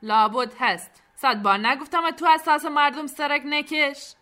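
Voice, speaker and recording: A woman voicing a stern boat captain who shouts loudly. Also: medium pitch, expressive. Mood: shouting. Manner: barking loud commands.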